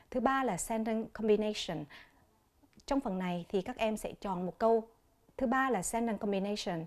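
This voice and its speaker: A woman English teacher with a Vietnamese accent, explaining test exercises slowly and carefully in a televised lesson. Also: medium pitch, a little mellow. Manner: slow, careful explanations mixing English terms and answer choices.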